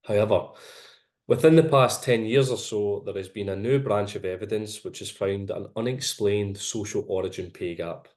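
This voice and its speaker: A fairly low-voiced man with a strong Glasgow accent presents his research at an academic seminar, explaining every point calmly and steadily. The audio suggests a video call.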